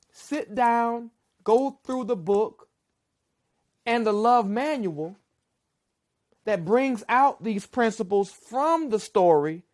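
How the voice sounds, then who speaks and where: A woman giving measured, persuasive relationship advice in a documentary interview. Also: mid-range voice, darkish tone. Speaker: relationship speaker.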